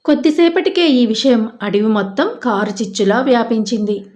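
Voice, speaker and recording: A woman narrating a children's moral story in a lively, expressive storybook style. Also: on the high side, normal speed.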